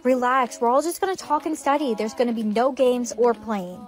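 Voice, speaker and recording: A woman voicing scripted storytime dialogue in a brisk, matter-of-fact way. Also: on the high side, soft background music.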